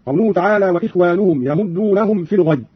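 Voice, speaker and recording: A man giving a formal, scripted radio explanation of recitation variants, measured and exact. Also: high voice, husky, dry recording. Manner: measured, formal, spells out readings. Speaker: radio presenter. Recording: dull lo-fi old radio recording.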